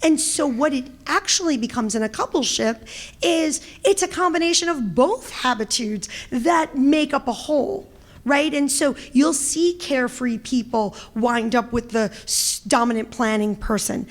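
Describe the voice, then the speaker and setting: Brief: loud, animated Brooklyn woman, middle-aged, presenter, slightly high voice. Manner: loud, animated, quick talker. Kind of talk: conference presentation and Q&A.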